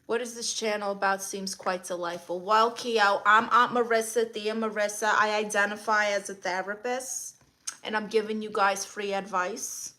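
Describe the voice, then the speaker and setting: A Brooklyn-born livestream host, speaking in her local accent, greets viewers and responds to comments bluntly and with playful attitude. She talks at a moderate pace in a medium pitch, her tone bright and forceful and her intonation fairly even.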